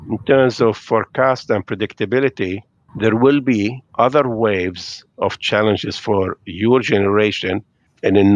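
A middle-aged Lebanese guest on a podcast talks from home over a video call, his low-leaning voice coming through dull audio without echo. He's thoughtful and hesitant, filling pauses with fillers, and his phrasing is slightly non-native.

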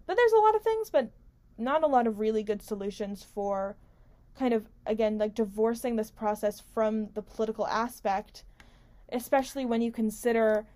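Female political talk host, slightly high-pitched, conversational and opinionated, unscripted, emphatic, prone to interrupting herself. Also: a little mellow. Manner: rambling, self-interrupting, conversational, with emphatic stresses. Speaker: host of a weekly political talk radio show. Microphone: studio-style microphone pulled close, with squeaky stand.

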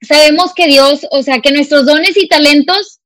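A woman's voice: high voice, steady tone, normal speed, fairly bright tone, dry recording. A woman in her twenties with a northern Mexican accent from Monterrey, chatting effusively and emphatically as a podcast guest. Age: 20s. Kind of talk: casual conversational interview. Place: remote call recording.

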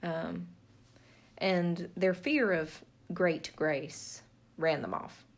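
A woman's voice: fairly low pitch, very slow. A woman co-hosting a podcast, chatting casually about a book, joking and laughing often. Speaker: podcast co-host. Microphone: podcast mic.

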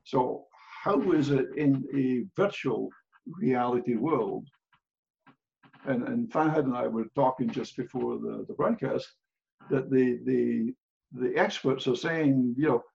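A man's voice: mid-range voice, a little slow, gravelly, a little mellow, muffled recording. An older man with a Scottish accent, speaking as a guest in a casual podcast interview, blunt and plain-spoken with dry humor. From Scotland.

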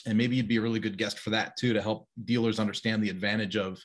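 A man's voice: fairly low pitch, fairly even intonation, quick pace. A man hosting a podcast interview, chatty and upbeat, wrapping up with a guest. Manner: chatty, laughing, plugs the guest. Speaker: podcast host. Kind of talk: casual interview chat.

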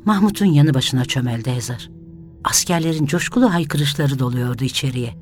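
A reader narrating a village story in a calm, even storytelling manner. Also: mid-range voice, a little fast, soft background music.

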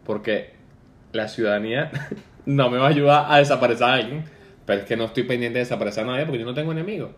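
Relaxed young Venezuelan man. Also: mid-range voice, fast. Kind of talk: casual banter.

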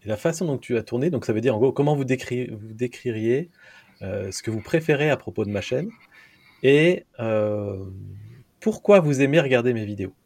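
A man from France hosting a relaxed conversation at an ordinary pitch. He talks thoughtfully, stopping often on fillers as he works through his ideas. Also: normal speed. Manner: thoughtful, hesitant with many fillers. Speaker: host. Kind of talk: casual interview chat.

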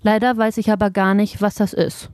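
A woman's voice: medium pitch, little pitch movement, moderate pace, a little mellow, no room sound, clean studio sound, natural voice. A woman voicing a small, naive male toy truck who talks in an anxious, innocent way in an audiobook. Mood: unsure. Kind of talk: audiobook character voice.

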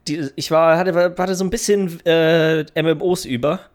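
A man's voice: on the high side, fairly even intonation, normal speed. A man chatting casually as a podcast co-host, colloquial and often thinking aloud as he goes. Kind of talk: casual chat.

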